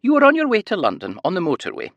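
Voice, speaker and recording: Cheery elderly Scottish nurse, voiced by a man, high and sing-song, punches key words, audiobook. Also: huge pitch swings, rapid-fire, fairly bright tone, dry recording, dull audio, exaggerated voice. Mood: sweetly cheery.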